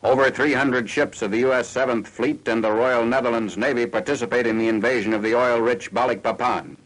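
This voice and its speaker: A man's voice: medium pitch, fairly even intonation, a little fast, fairly bright tone, a little hiss or hum, low-quality recording. A man reads scripted military newsreel narration in a formal, matter-of-fact 1940s style, on an old film soundtrack.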